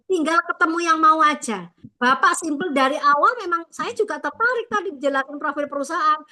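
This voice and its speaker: High, bright-voiced woman sales trainer. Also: fairly quick. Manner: lively, effusive praise and coaching. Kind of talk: online sales training coaching.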